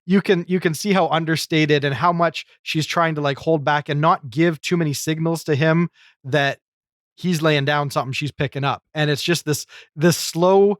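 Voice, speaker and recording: A man hosting a comedy podcast, talking in a thoughtful, measured way. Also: a little high, fairly even intonation, no room sound, studio quality. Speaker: podcast host. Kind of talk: casual chat.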